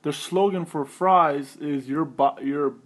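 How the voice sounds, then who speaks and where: A young man with a somewhat high voice trades jokes in a casual podcast chat. He teases his co-host and lets his sentences trail off into quiet mumbles. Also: slow pace. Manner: joking, teasing, trails off into mumbles.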